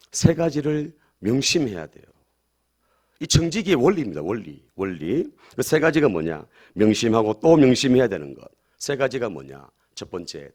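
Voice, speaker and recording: A man's voice: mid-range voice, darkish tone. A middle-aged man, a pastor preaching a sermon, stressing key phrases over and over and having the congregation repeat after him.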